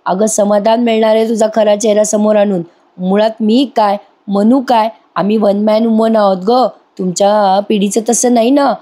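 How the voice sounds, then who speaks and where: A scornful, scheming older woman from a TV serial, accusing and cutting, read by a woman narrator. The voice stays mellow and sits at a middle pitch. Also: steady tone, normal speed, natural voice.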